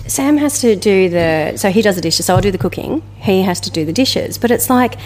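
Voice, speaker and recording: A woman's voice: mid-range voice, expressive, brisk, darkish tone, faint music behind. A woman co-hosting a casual podcast chat, dropping in dry, teasing remarks. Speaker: podcast co-host.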